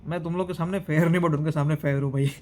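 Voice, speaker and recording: A young man from Gujarat telling a travel story in a casual vlog, animated, switching between Hindi and English. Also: a little high, fast talker. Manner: animated, mixes Hindi and English, mimics others. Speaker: vlogger.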